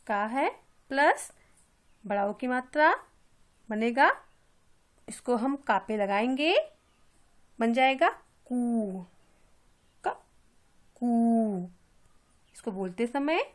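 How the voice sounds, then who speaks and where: A woman teaching a kindergarten class in a slow, patient way, taking each sound one step at a time. Her voice sits fairly high, and she stretches out syllables so young learners can follow along. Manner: patient and repetitive, drawing out sounds for children. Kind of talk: slow step-by-step Hindi lesson for young children.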